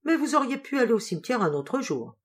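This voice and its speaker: A woman voicing a gentle middle-aged lady who employs seamstresses, with a soft, kindly, slightly hesitant manner. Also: a little high, sing-song, brisk, slightly rough, voice pushed up. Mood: softly reassuring.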